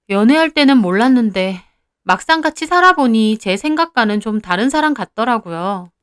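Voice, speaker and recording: A woman's voice: a little high, fairly bright tone, clean tone, no room sound, studio quality. A young woman narrating a first-person story in a confiding, conversational way.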